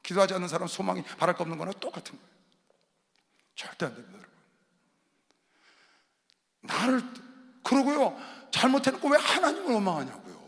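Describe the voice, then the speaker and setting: A middle-aged man preaching a sermon as pastor, fervent, swinging from quiet asides to shouts. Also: high-pitched, big pitch swings, brisk, gravelly, long pauses. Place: large arena hall. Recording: long reverb of a large hall.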